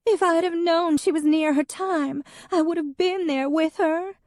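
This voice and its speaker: A high, strained young woman's voice put on by a woman narrator, weeping and dramatic. It sits well above the reader's own low tone, delivered close and dry in an audiobook reading. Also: fairly even intonation, a little slow, a little mellow, no echo. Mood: tearful.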